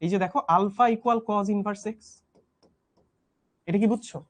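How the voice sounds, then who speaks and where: Soft-spoken young male math tutor, strained voice. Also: high voice, takes it slowly. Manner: repeats points, checks understanding often; patient, talks students through it step by step. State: strained voice, speaking softly. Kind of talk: live online class.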